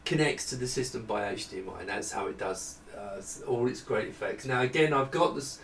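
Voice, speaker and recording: A middle-aged man demonstrates retro computer hardware at a desk in a small indoor room, rambling casually and off the cuff with self-deprecating humor. His mid-range voice is brisk, creaky and a bit bright. A distant camera microphone makes it sound roomy, with a little hiss or hum.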